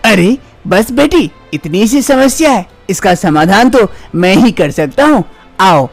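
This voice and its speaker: A woman's voice: medium pitch, expressive, a little slow, faint music behind. A woman voicing a kindly old male village holy man in a cartoon story, speaking in a soothing, fatherly way. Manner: soothing, fatherly, calls her daughter. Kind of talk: storybook voice acting.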